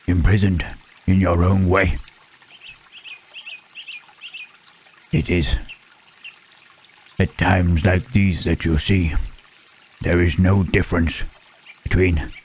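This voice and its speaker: A gentle, earnest creature, played by a man, speaks in a deep, rough-edged voice. He moves very slowly through formal, halting phrases, often seeking assent. It is an intimate ASMR roleplay of a lonely monster addressing a friend. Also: exaggerated voice. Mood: solemn. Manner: halting, formal speech without contractions, trailing "huh?". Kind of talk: ASMR roleplay, intimate scripted monologue to listener.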